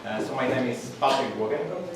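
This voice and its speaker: A man's voice: medium pitch, expressive, a little fast, a loud crowd. A man in his thirties from Poland with a Polish accent gives a technical conference talk. His delivery is plain and hesitant, with frequent fillers and restarts. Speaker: conference speaker. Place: large echoey conference room. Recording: echoey hall, distant, audible background noise.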